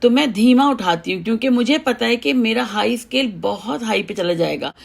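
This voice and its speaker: A woman with a heavy, low voice teaching recitation, patiently correcting and chanting example lines. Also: normal speed, vocal fry. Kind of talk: teaching recitation over a call, with sung examples.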